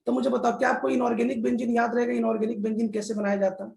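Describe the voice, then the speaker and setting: A man's voice: extremely high pitch, flat delivery, rapid-fire, creaky, a little mellow. A man teaching a chemistry lesson in a classroom style, repeating key terms and often addressing the children. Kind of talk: classroom lecture. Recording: echoey room.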